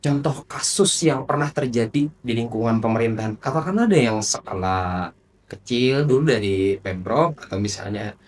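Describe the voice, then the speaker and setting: A man's voice: medium pitch, expressive, normal speed, distant mic. A man hosting a podcast interview, asking questions and echoing and affirming his guest. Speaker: podcast host.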